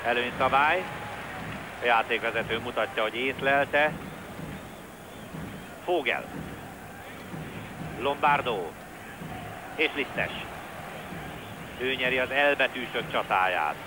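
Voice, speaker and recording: A man's voice: mid-range voice, long pauses. A man giving live football commentary in a conversational way, with clipped calls of players' names. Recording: noisy old TV broadcast, stadium ambience. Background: stadium crowd noise.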